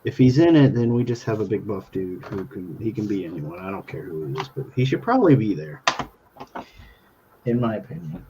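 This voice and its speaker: A man's voice: on the low side, expressive, fairly quick, muffled recording, noisy background. A man co-hosting a drawing talk show, chatting casually and teasing in joking banter. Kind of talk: casual chat while drawing.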